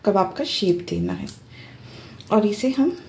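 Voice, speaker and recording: Woman calmly explaining a home recipe. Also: mid-range voice, takes it slowly, vocal fry, a little hiss or hum. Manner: calm step-by-step explaining. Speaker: cooking channel host. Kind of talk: home cooking tutorial voice-over. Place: home kitchen.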